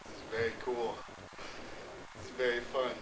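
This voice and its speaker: A man's voice: mid-range voice, level tone, normal speed. Tipsy young man on old camcorder tape. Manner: joking, crude, rambling. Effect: old camcorder tape sound. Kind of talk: casual chat among friends. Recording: roomy, noisy camcorder audio from a distance.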